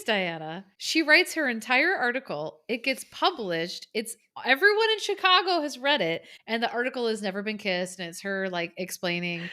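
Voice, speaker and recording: A woman's voice: mid-range voice, pushed and bright. A woman in her thirties co-hosting a podcast, animatedly recapping a movie, acting out quotes and swearing for emphasis. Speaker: podcast co-host. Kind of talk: casual movie recap chat.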